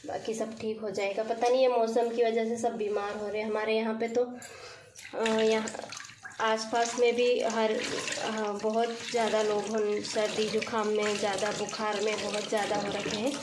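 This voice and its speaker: A woman's voice: mid-range voice, little pitch movement, normal speed. A woman in her thirties from India, chatting casually while she cleans her kitchen. She is getting over a cold and her throat is still sore. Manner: chatty, talking while working. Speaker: village vlogger. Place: home kitchen, tiled and echoey. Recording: echoey kitchen, faint noise.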